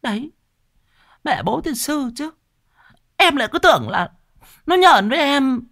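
A man voicing a foul-mouthed middle-aged female shop owner who scolds and curses in a shrill voice. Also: sing-song, measured pace, vocal fry, sharp tone, no room sound, studio quality, heavily acted. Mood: mollified.

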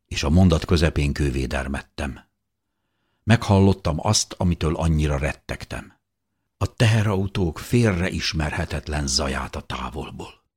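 A man reading a novel aloud in the first person, in a measured and somber way. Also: very deep voice, a little mellow, breathy edge. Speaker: audiobook narrator.

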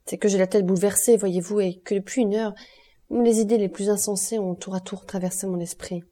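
A woman's voice: mid-range voice, fairly even intonation, a little fast, dark tone, lightly acted. A woman voicing a passionate young man in an audiobook, speaking earnestly and urgently. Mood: ardent. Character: young man, ardent, passionate, desperate lover. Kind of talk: audiobook character reading.

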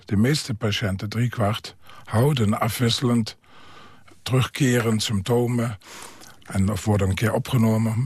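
Older guy with roots, low-ish husky voice, hesitant, lots of pauses, dry studio. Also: no room sound. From Germany. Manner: hesitant, halting with many pauses and fillers. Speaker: psychiatric care worker and author. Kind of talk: radio interview.

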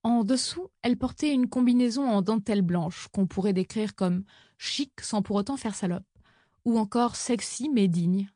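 A woman narrating an audiobook story in an even, measured reading on a close microphone. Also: medium pitch, no room sound.

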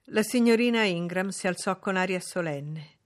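A woman reading a novel aloud as an audiobook narrator, in a measured, expressive way. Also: on the low side.

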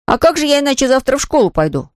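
Storybook kid: timid young boy, whiny and defensive, pitched well up, read by a woman. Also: very animated, rapid-fire, dry recording, clean studio sound. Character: timid young schoolboy, easily scared.

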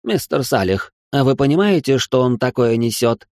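A man's voice: lively intonation, moderate pace, a little mellow, dry recording, natural voice. Man playing a fussy young noble guy, whiny and shocked, voice pushed way up, dry close sound. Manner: whiny, exasperated, high strained voice. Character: young prissy male aristocrat, easily shocked.

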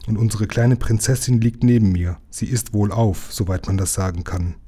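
A man reading as a calm, steady ship captain. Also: fairly low pitch, normal speed, husky. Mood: quiet steady. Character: calm adult male ship captain, protective. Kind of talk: reading a children's book aloud.

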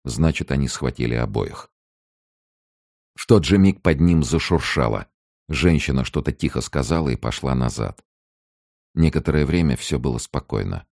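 A man narrating an audiobook with an extremely deep, gravelly voice. His reading is steady and measured yet lively in pitch, recorded close and completely dry. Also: dry recording. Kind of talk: scripted narration.

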